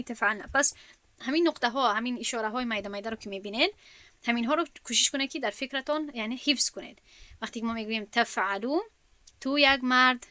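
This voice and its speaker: A woman teaching an Arabic grammar lesson, spelling out verb forms one by one and pausing with fillers as she explains. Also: fairly high pitch, bright, forceful tone, no echo.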